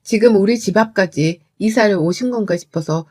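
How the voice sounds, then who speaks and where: A woman telling a first-person family story as scripted narration, in an even, reflective tone. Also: mid-range voice, moderate pace, husky.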